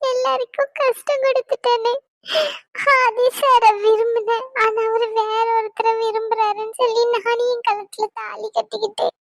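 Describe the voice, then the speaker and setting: A woman voicing a guilt-ridden, lovesick young bride in a cartoon, crying and pleading softly. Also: flat delivery, moderate pace, slight background noise, poor audio. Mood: tearful. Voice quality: very high, childlike voice. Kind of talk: cartoon dubbing.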